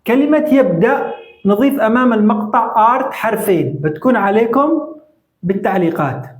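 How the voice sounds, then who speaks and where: A patient teacher with a Saudi accent walks through a short vocabulary lesson. The delivery is deliberate, with frequent checks that listeners are keeping up. The voice sits at a middle pitch in a noticeably echoey room. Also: expressive. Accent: Saudi Arabic. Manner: patient, deliberate, checks understanding with repeated questions. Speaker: English teacher. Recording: roomy echo.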